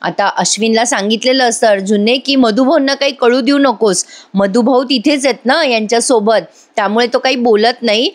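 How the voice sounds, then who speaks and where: A woman's voice: on the high side, normal speed. A young woman with a Marathi accent chattily retelling a TV serial episode, talking directly to viewers. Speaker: serial review narrator.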